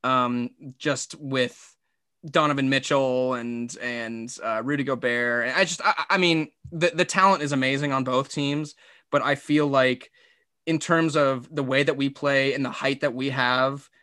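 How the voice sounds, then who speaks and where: A man's voice: mid-range voice, steady tone, unhurried, pushed and bright, clean tone. A man hosting a casual sports podcast, rambling with lots of "like". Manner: rambling, heavy use of "like". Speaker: podcast host.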